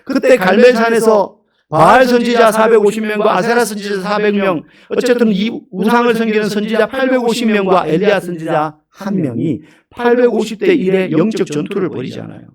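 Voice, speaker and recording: Brief: male pastor, higher-pitched voice, animated emphatic sermon delivery. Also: brisk. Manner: animated, emphatic preaching with rhetorical questions.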